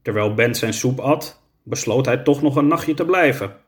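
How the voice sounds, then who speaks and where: A man narrating a children's story in a measured, clear storytelling manner. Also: medium pitch.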